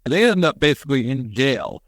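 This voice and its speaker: A man on a podcast, retelling a story in casual chat, animated and acting out quotes with casual swearing. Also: medium pitch, brisk, no room sound. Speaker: podcast co-host.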